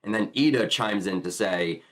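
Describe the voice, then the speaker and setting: A man's voice: fairly low pitch, moderate pace, background noise. A man making an enthusiastic, chatty reaction commentary on a manga chapter.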